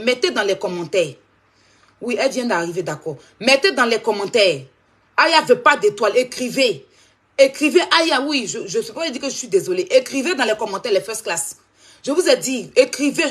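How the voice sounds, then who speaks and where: A woman's voice: medium pitch, a bit bright, breathy edge. A woman hosting a live stream, talking straight to her viewers and repeating her points insistently.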